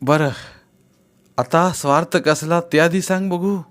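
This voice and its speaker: A man's voice: on the high side, a little slow, voice pushed up, lightly acted. A man doing a wary, reluctant educated friend. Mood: wary, doubtful. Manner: surprised, doubtful, bantering.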